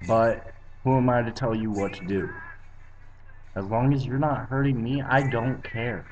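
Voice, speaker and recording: Profane young man ranting, lo-fi webcam. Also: medium pitch. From Arizona, USA. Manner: blunt and profane, lecturing the viewer. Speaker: vlogger. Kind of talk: opinionated political rant. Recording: dull lo-fi webcam audio.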